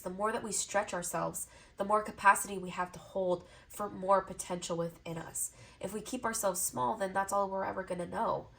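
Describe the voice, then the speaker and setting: Speaking to the camera, this tarot reader offers a pick-a-card reading in a gentle, supportive tone, her words running in lists that circle back on the same phrases. She sounds congested, and her voice is on the low side.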